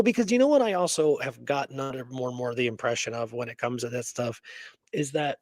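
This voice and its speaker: A middle-aged American man with a medium-pitched, slightly mellow voice is recorded with no room sound. A podcast co-host, history researcher and author, he chats casually and emphatically about history and his opinions, using colloquial language and the odd swear word.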